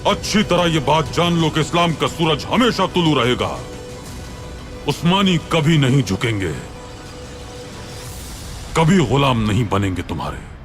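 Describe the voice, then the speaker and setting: Dubbed series: stern Ottoman sultan, solemn and commanding, with lively pitch. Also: unhurried, pauses often, music in the background. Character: stern older Ottoman sultan, proud and defiant.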